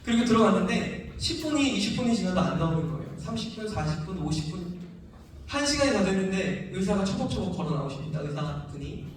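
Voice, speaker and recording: High-voiced man preaching in an echoey church. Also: very animated, brisk, slight background noise. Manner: emotional storytelling, acts out voices and sounds. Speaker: preacher giving testimony. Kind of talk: sermon testimony. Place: church sanctuary. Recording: echoey church hall from far off.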